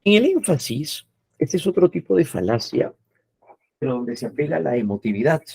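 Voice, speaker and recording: A man's voice: on the high side, big pitch swings, normal speed, gravelly, a little mellow, husky, dry recording. A man giving an explanatory lecture as a teacher, explaining patiently and often adding "no?" and "eh" as he talks. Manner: explains patiently with frequent "¿no?" and "eh" tags.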